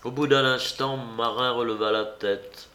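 A man reading a novel aloud in a measured, somber storytelling manner. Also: mid-range voice, fairly even intonation, pushed and bright. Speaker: narrator. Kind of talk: audiobook reading.

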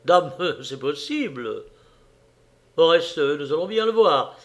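A man reading aloud and voicing a bold, cheerful young Parisian journalist who talks in a smooth, jovial and persuasive way. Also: on the high side, expressive, takes it slowly.

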